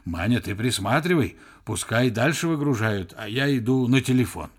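Self-important male farm director, read by a man, fussy and lively. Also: medium pitch, moderate pace, breathy edge. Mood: boastful.

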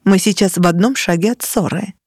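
A woman's voice: mid-range voice, a little fast, darkish tone, breathy edge, no room sound, studio quality. A woman voicing a cold, domineering sorceress mother in an audiobook, speaking in an icy, scolding, sharply emphatic way. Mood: cold scorn. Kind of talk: audiobook character reading.

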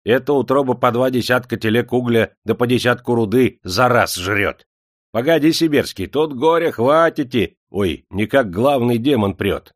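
A man voicing a talkative, scrawny little peasant factory hand who speaks excitedly in a storybook reading. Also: mid-range voice, normal speed, no echo, clean studio sound, voice pushed up, natural voice.

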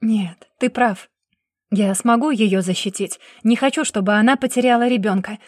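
A woman voicing a protective young husband who speaks steadily and urges calm. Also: a little high, moderate pace, no echo, clean studio sound, natural voice. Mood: firm.

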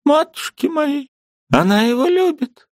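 A man's voice: extremely high pitch, big pitch swings, unhurried, no echo, clean studio sound, voice pushed up, heavily acted. Man doing a scolding old aunt. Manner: scolding, agitated, sarcastic. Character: sharp-tongued old aunt, gruff yet loving woman.

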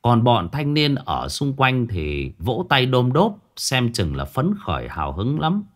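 A man's voice: mid-range voice, huge pitch swings, unhurried. A man narrating a ghost story in a colloquial, vivid way, with crude asides.

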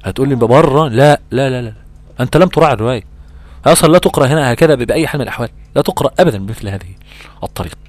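Animated Egyptian man teaching recitation. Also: medium pitch, no room sound. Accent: Egyptian Arabic. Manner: animated, acts out imagined student exchanges, drawn-out recitation examples. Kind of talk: Egyptian colloquial tajweed lesson.

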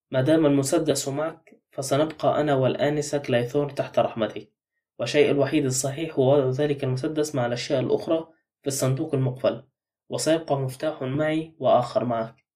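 A man's voice: mid-range voice, fairly even intonation, quick pace, dark tone, far from the mic, close to an everyday voice. A man voicing a blunt, suspicious middle-aged man who doubts everything.

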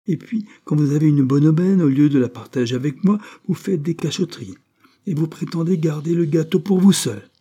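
A man voicing a scheming, spiteful middle-aged woman in an audiobook reading, with a shrill, mocking delivery. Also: animated, normal speed, dark tone, breathy edge.

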